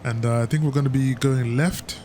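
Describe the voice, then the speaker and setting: Casual male flight sim streamer, mid-pitched, rambling commentary, engine rumble behind. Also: steady tone, a little fast, dark tone. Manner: chatty, stumbling with fillers.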